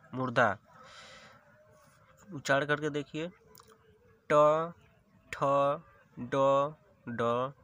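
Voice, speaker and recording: Slow, bright-voiced male Hindi teacher. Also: on the high side. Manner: patient, spells out each letter one by one. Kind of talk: slow classroom explanation.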